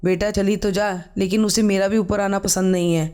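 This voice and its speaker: A man with a high voice voicing a kind, anxious elderly mother-in-law in a storybook narration. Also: little pitch movement, normal speed, darkish tone, clean tone, close to an everyday voice. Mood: soothing. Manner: soothing, motherly.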